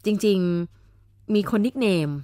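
A woman hosting a radio talk show, explaining in a chatty, animated way with many fillers and asides. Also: mid-range voice, drawn-out words, clean tone, dry recording. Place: radio studio.

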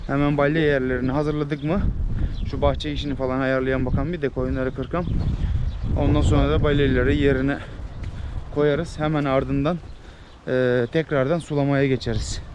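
A man vlogging outdoors while herding, talking casually to his viewers and calling loudly to his dog and sheep. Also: medium pitch, little pitch movement, normal speed, highs cut off. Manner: chatty, addresses viewers as friends. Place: outdoors in rural fields. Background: faint outdoor noise.

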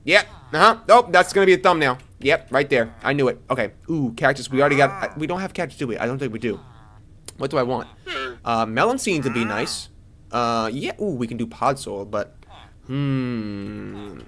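A young man giving casual commentary as he plays a game, chatty and excitable, talking to the characters on screen. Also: moderate pace. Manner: excitable, jumps to high squeals. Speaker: let's play gamer.

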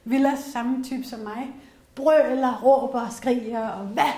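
A woman's voice: a little high, warm tone. A middle-aged woman with a Danish accent giving a casual workshop talk to a small group, chatty and candid, with frequent fillers and personal anecdotes. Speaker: workshop presenter on essential oils. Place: workshop room with an audience. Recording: roomy echoey workshop room.

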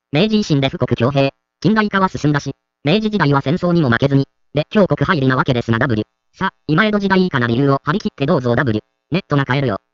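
A man reading a string of short online comments aloud, one after another, in an even, quick delivery. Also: a little high, clear, resonant tone, dry recording, lo-fi sound.

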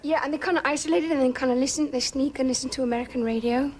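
A woman's voice: sits high, fairly even intonation, very fast, a little mellow, slight background noise. A young woman from Iceland with an Icelandic accent, talking as a musician guest in a late-night TV studio, hesitant and dreamy with a lot of "kinda". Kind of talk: casual talk-show interview.

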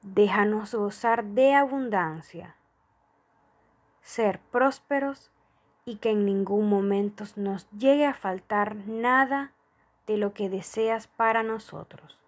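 Slow, soft-spoken woman reading a prayer. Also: mid-range voice. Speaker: prayer reader. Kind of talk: slow guided prayer and affirmations.

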